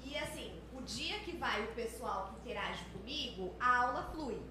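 A woman, a teacher telling about a problem softly and chattily, adding little tag questions. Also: on the high side, lively intonation, normal speed. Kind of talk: casual conversation. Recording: roomy, noisy, off-mic.

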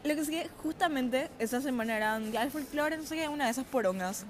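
A woman's voice: high voice, animated, fast talker. A young woman in her twenties with a Paraguayan Spanish accent, telling a story in casual podcast chat, acting out voices and laughing often. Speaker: podcast co-host.

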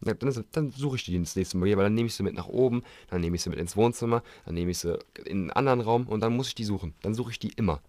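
Fast-talking, slangy young-sounding man. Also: lowish voice, no echo. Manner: animated storyteller, acts out quoted dialogue, slangy. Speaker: podcast co-host. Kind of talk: casual chat.

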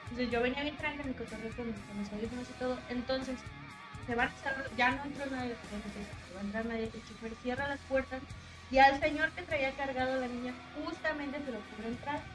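A woman with a Mexican Spanish accent tells a story in casual, slangy chat. Her voice sits high. Guitar music plays clearly behind her. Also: a little fast, low-quality recording. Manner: animated anecdote telling with slang.

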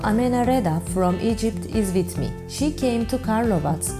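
A woman from Turkey hosting a podcast, reading her introduction and questions in a plain, measured way. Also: medium pitch. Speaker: podcast host. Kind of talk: scripted interview questions.

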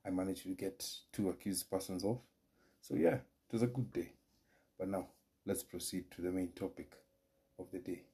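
Kenyan male lawyer-host, deep and dark-toned, formal lecturing delivery. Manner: measured, formal lecturing with careful restarts. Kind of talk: solo legal explainer podcast.

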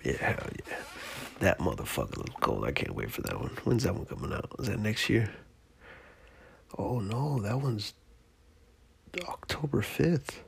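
A man hosting his own podcast alone, talking in a laid-back, profane, rambling way with a monotone voice. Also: fairly low pitch, normal speed, creaky, husky. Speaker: podcast host. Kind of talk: casual solo podcast talk.

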